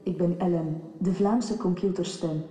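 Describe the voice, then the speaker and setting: Dark synthetic computer voice of a woman. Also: on the low side, steady tone, a little slow. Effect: synthetic computer text-to-speech voice. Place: theatre hall, over loudspeakers. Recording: echoey hall with long reverb.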